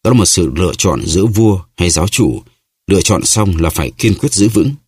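A man narrating an audiobook novel in a steady storytelling manner. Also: deep voice, fairly quick, husky. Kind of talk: scripted narration.

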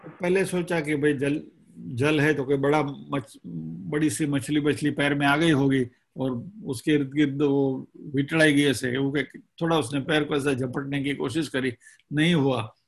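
A man giving a spiritual discourse, retelling a scripture story slowly and deliberately, with pauses between phrases. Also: a little high, fairly even intonation. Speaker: spiritual teacher.

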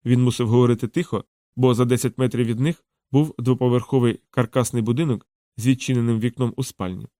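A man narrating a novel as an audiobook, in a calm, measured way. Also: mid-range voice, no room sound, studio quality.

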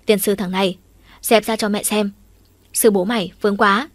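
A woman voicing a sharp-tongued middle-aged mother who scolds and curses loudly, reading an audiobook. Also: medium pitch, fairly even intonation, normal speed, no room sound, close to an everyday voice. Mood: scolding. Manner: gruff, cursing, snapping.

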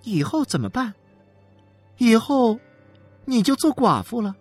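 A woman's voice: a little high, big pitch swings, unhurried, a little mellow, breathy edge, no echo, faint music behind, full character voice. A woman voicing a smug, chatty wife who gloats and scatters sighing fillers through her talk. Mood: gloating. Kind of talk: dramatic reading.

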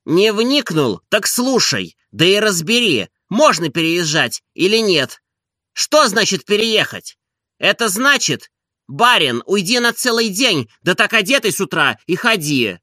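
A man reading an audiobook and voicing an irritable, idle gentleman who scolds his servant in an exasperated tone. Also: sits high, very animated, measured pace, no room sound, clean studio sound, voice pushed up, heavily acted. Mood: scolding. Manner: exasperated, petulant.

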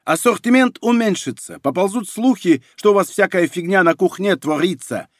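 A man's voice: sits high, expressive, moderate pace, no echo, clean studio sound, pitched above the performer's own voice. A man voicing a boastful, lying French chatterbox with a glib sales patter, in an audiobook. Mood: hustling.

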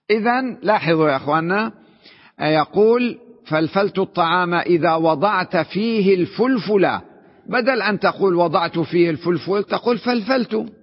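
A man's voice: on the high side, husky, big-room sound, muffled recording. A man, a sheikh, teaching an Arabic grammar class, explaining patiently and often checking with his students that they follow. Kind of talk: classroom lesson.

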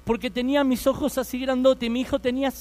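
A man's voice: very high-pitched, flat delivery, fast, darkish tone. A man in his thirties with an Argentine accent, telling his life story as a fervent preaching testimony and speaking straight to his listeners. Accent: Argentine Spanish.

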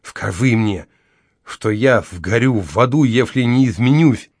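A man's voice: mid-range voice, measured pace, dry recording, clean studio sound. A man voicing a young, badly beaten woman who lisps heavily through missing front teeth, bitter and proud. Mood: earnest blunt.

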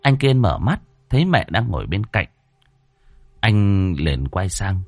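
A man's voice: fairly low pitch, sing-song, measured pace, no echo, faint music behind. A man telling a ghost story in scripted, dramatic narration.

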